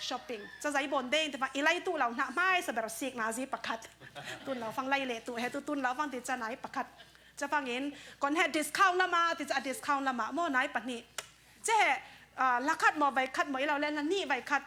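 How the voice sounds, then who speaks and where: Woman giving a sermon, high bright voice, chatty, throws in english words. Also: brisk, a little hiss or hum. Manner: conversational preaching, mixes in English words. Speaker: preacher.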